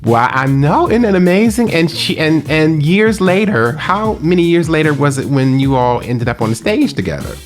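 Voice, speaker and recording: A man's voice: fairly high pitch, expressive, normal speed, hardly any pauses, faint music behind. A male host in a casual interview, chiming in and laughing along with his guest.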